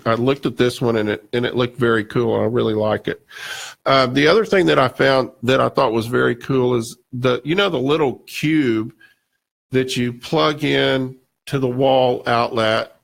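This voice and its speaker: A man's voice: medium pitch, vocal fry. A male radio show host talking casually and rambling, with many restarts and fillers, his voice a bit scratchy. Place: radio studio.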